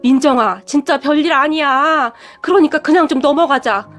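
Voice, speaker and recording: Woman reading a worn-out, proud middle-aged mother; sighing, stubborn, pitched high, faint music behind. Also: normal speed, a bit bright. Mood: pleading.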